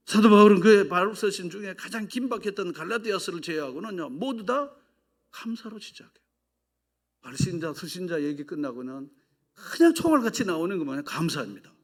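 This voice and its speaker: A male pastor preaching a sermon, shifting between loud exhortation and hushed whispers, asking the congregation questions and leading them in repeating phrases. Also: high-pitched, big pitch swings, a little fast. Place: church sanctuary.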